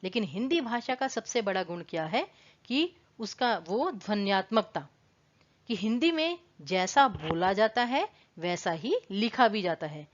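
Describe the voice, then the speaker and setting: A woman's voice: medium pitch, big pitch swings, unhurried, dull audio. A woman teaching an online exam-prep lesson, explaining patiently and repeating words to contrast their pronunciation. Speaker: Hindi teacher.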